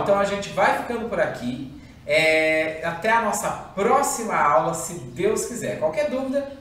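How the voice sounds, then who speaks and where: A woman teacher with a Brazilian Portuguese accent, explaining a recorded lesson to schoolchildren in a lively, drawn-out way. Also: medium pitch, a little hiss or hum. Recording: roomy echo, far from the mic.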